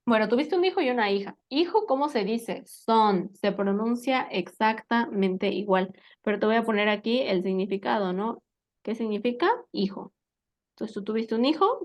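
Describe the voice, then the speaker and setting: Patient woman teaching English. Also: fairly high pitch. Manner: patient, checks understanding with frequent questions. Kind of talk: spoken language lesson.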